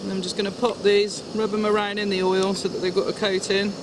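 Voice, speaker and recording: A man's voice: sits high, little pitch movement, fast talker, background noise. A man demonstrating a camp cooking recipe step by step, chatty and instructive as he works, recorded outdoors at a fishing lake.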